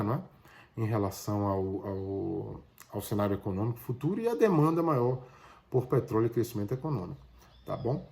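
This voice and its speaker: A man's voice: mid-range voice, darkish tone. A man from Bahia, giving market commentary to his viewers in loose spoken phrases with frequent tag questions. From Bahia, Brazil. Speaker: finance video host.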